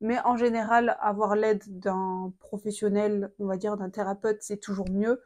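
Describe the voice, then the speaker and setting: Soft-voiced young woman sharing advice. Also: mid-range voice, level tone, normal speed. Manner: earnest, reflective, many fillers. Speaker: vlogger sharing personal advice. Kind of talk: casual confiding talk to camera.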